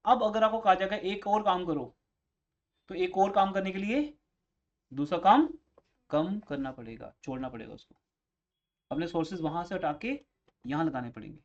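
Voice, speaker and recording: A man's voice: sits high, lively intonation, moderate pace, long pauses. A male commerce teacher giving a classroom lecture, explaining with everyday examples and questions to his students. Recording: slightly dull lo-fi recording.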